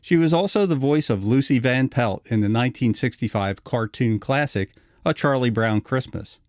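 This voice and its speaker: A man's voice: medium pitch, normal speed, darkish tone, no room sound, studio quality. A man narrating a scripted retrospective video essay.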